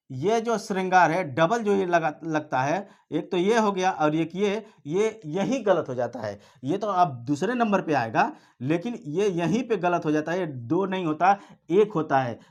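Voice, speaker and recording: A man's voice: high-pitched, lively intonation, measured pace. A man teaching an exam-prep spelling lesson, repeating each word and explaining it step by step.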